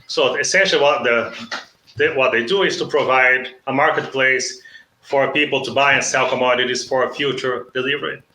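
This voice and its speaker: A middle-aged man from Brazil with a Brazilian Portuguese accent, an economics professor explaining things in a measured way and often checking in with "okay?". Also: medium pitch, sharp tone, echoey room, slight background noise, rough recording. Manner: measured, frequent "okay?" check-ins and restarts. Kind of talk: explanatory interview talk.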